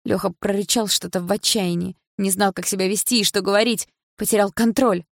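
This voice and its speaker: A woman narrating a story in an expressive, emotional audiobook reading. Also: mid-range voice, fairly quick, creaky, no echo, clean studio sound.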